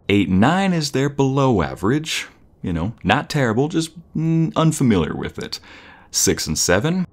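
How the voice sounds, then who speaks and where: An audio roleplay performer uses a low male voice to play an animated, dorky boyfriend in an intimate scene. The chat sounds casual and improvised, playful and teasing, full of enthusiasm, stammers and giggles.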